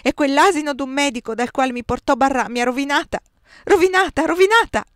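Woman reader doing a tearful aging empress, pleading, voice pushed high, dry close read. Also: normal speed, no echo, lightly acted. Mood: anguished. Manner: pleading, sobbing, breaking into cries. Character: tearful fading empress, middle-aged woman, fragile.

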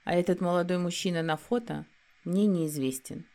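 A woman narrating a first-person fantasy audiobook in a steady storytelling delivery. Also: lowish voice, moderate pace.

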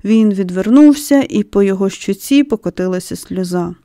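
Expressive woman narrating a storybook. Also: medium pitch, moderate pace, no echo, clean studio sound. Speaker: audiobook narrator.

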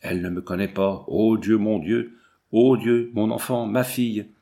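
A man's voice: fairly low pitch, little pitch movement, a little slow, vocal fry, warm tone. A man voicing a grief-stricken father who pleads fervently with his lost daughter. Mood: pleading.

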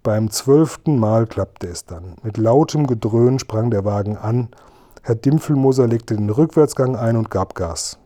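A man reads a children's storybook aloud with a steady storytelling cadence. His voice is mellow and warm, pitched in an ordinary middle range. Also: measured pace. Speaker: audiobook narrator. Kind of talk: scripted storybook narration.

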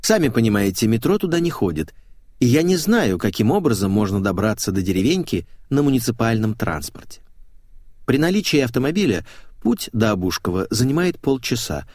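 A wry male audiobook narrator with a lively pitch. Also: fairly quick, no echo, studio quality. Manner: wry, self-mocking storytelling. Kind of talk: first-person novel narration.

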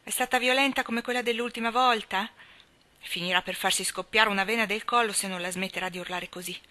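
A woman's voice: medium pitch, steady tone, fairly quick, sharp tone, lightly acted. A woman doing a curt, irritable doctor. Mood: irritated. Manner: curt and annoyed. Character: irritable middle-aged male doctor.

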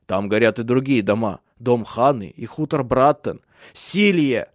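Steady husband n dad, commanding, mid low voice, dry close sound, man reading. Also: normal speed, dry recording, natural voice. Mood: urgent. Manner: firm, commanding. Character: steady protective husband and father.

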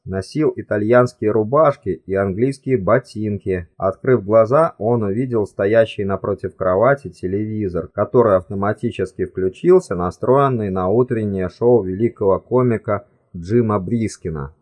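A man reading an audiobook in steady, measured scripted narration. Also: fairly low pitch.

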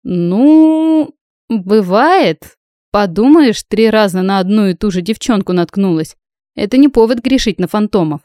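A woman reading an audiobook, voicing a brash, teasing young female friend who talks loud and breezy. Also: medium pitch, animated, unhurried, dry recording, studio quality, pitched above the performer's own voice, close to an everyday voice.

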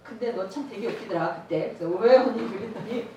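A woman's voice: medium pitch, brisk, a little mellow, slight background noise. A woman giving a sermon with a personal testimony. She acts out dialogue as she tells the story and laughs often. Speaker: evangelism trainer. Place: church. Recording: echoey church hall, mic at a distance.

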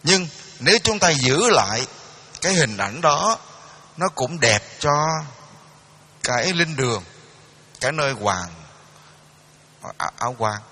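A man's voice: mid-range voice, sing-song, unhurried, pauses often, pushed and bright, husky. A man with a Southern Vietnamese accent giving a dharma talk, telling an old folk tale in a folksy, repetitive way with many restarts. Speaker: dharma teacher. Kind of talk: storytelling sermon.

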